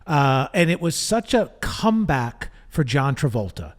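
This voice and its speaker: A man's voice: mid-range voice, very animated, a little slow. A man hosting a morning radio show in casual, chatty conversation who laughs easily. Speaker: radio host. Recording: long echoey studio reverb.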